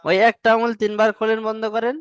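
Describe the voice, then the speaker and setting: A man's voice: high voice, completely flat delivery, fast, smooth, no room sound, muffled recording. A male teacher, patiently drilling Arabic letters in an online class and stretching the sounds long. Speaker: Quran reading teacher.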